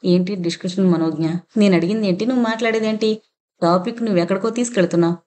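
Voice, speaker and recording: Woman voicing a conflicted middle-aged man, tense, halting, mellow timbre, audio novel. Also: mid-range voice, close to an everyday voice. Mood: defensive.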